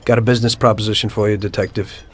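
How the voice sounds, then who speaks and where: Very fast and fairly low-pitched, close to an everyday voice, a man plays an ex-cabbie turned mafioso recounting his past to a detective in a video game cutscene. As a now-informant, he is calm and unrepentant, telling it coolly and matter-of-factly.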